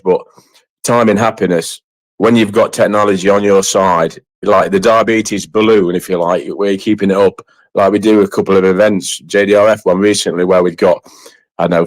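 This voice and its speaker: A man hosting a casual interview chat, effusive and rambling, often halting and repeating his phrases. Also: on the low side, flat delivery, dry recording, low-quality recording. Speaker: host of an online community chat.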